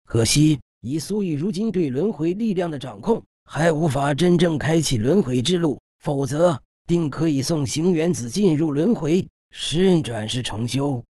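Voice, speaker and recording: A man narrating a fantasy audiobook in a steady, dramatic storytelling manner, recorded in a studio. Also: a little high, normal speed, hardly any pauses, dry recording.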